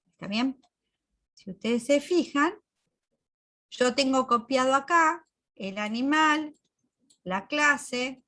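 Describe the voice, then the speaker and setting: Woman teacher, on a computer mic, fairly high voice, explains patiently and keeps asking if the class follows. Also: fairly bright tone. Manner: explains step by step, checks in with students. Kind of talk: recorded class walkthrough.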